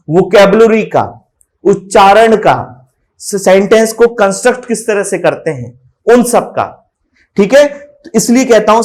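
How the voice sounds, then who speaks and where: High-voiced man teaching spoken English. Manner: repetitive, drilling pronunciation examples; checks in with "theek hai na?". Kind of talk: spoken English lesson in Hindi.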